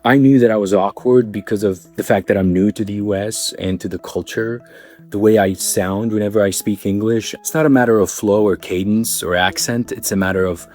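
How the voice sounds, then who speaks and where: A young man with an Arabic accent, originally from an Arabic-speaking country, telling a personal story in a casual monologue and acting out the people in it. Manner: animated, acts out quoted people with rising pitch. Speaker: vlogger.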